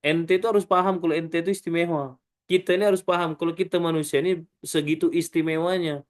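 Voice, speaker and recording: A preacher with a fairly high voice for a man, teaching from the front of a mosque. He leads his listeners call-and-response, asking short questions and waiting for them to answer. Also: fairly even intonation, fast. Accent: Indonesian. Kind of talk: mosque study sermon.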